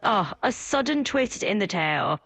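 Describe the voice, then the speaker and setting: A woman's voice: mid-range voice, very animated, moderate pace, fairly bright tone, dry recording. Upbeat, agreeable female AI assistant voice. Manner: upbeat, agreeable and eager to please, often laughs. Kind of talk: chatty conversational replies.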